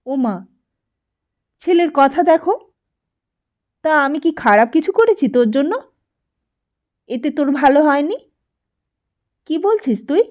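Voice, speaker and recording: A woman voicing a sharp-tongued, scolding mother in a storybook reading, exclaiming and quick to anger. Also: high-pitched, lively intonation, pitched above the performer's own voice. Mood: indignant scolding. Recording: dull lo-fi recording.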